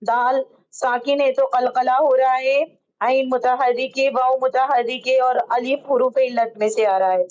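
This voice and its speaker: A woman teaching how to read Quranic script, explaining each rule slowly and patiently and drawing out the words she recites. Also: high-pitched, fairly even intonation, darkish tone, highs cut off. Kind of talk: online Quran reading lesson.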